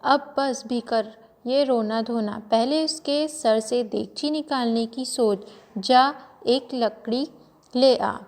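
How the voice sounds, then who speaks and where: A woman's voice: a little high, slow, darkish tone. Woman doing a scolding old grandmother.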